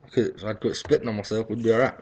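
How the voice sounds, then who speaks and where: A man's voice: fairly low pitch, steady tone, very fast, a little mellow, breathy edge. A young man, a baseball umpire, telling blunt, profanity-laced stories in a casual vlog. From Texas. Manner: profane, blunt, boastful storytelling.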